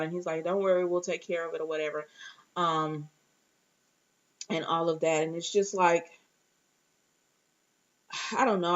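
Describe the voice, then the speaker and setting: A woman who reviews and hosts a TV recap show gives a casual, chatty rundown of an episode, retelling dialogue, adding her own reactions, and acting out asides. Her voice is on the low side, and the recording sounds muffled.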